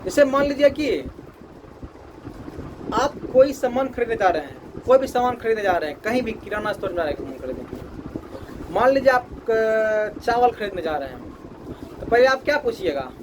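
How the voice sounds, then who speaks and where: Guy teaching maths, really high voice, keeps quizzing the class. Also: sing-song, normal speed, noisy background. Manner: repeats questions to the class and drills answers.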